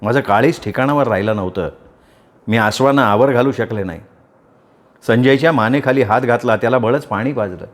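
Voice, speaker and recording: A male storyteller narrating a village novel in a steady, dramatic manner. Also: mid-range voice, moderate pace. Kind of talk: audiobook novel reading.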